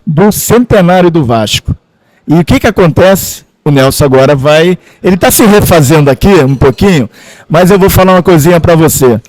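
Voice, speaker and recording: High-voiced host. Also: male voice, animated, normal speed, darkish tone. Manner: long run-on questions. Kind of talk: interview questions. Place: restaurant.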